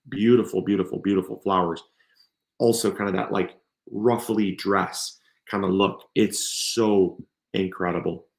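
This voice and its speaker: Gravelly, enthusiastic male seed-show host. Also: deep voice, roomy sound. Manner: enthusiastic, gushing. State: strained, tired voice from coughing. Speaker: gardening channel host. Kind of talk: live stream product showcase.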